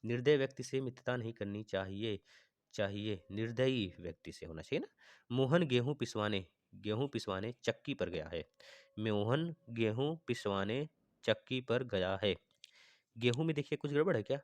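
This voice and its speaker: A male teacher with a north Indian accent, recorded close with a dry sound, works through grammar questions. His voice sits at an ordinary middle pitch. He repeats each sentence slowly and keeps asking his viewers what they think. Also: animated, darkish tone, no echo. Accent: Hindi-speaking north Indian. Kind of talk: exam-prep grammar lesson.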